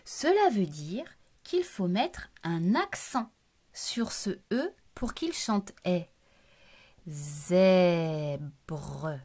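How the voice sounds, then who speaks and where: A woman's voice: on the high side, sing-song, slow, darkish tone, breathy edge. A woman teacher giving a recorded lesson to young children, patiently breaking words into syllables and speaking to the child directly. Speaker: primary school teacher.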